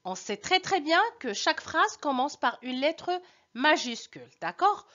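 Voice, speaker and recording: Moroccan woman, French teacher, high lively voice, dull lo-fi audio. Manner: switches between French and Moroccan Arabic, slow deliberate stress on key terms. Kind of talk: language lesson.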